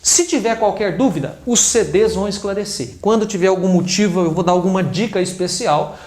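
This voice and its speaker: A man with a Brazilian Portuguese accent explains his teaching method in a high voice, hitting the stressed syllables hard. The sound is roomy and echoey. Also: a little fast, darkish tone. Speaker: English teacher.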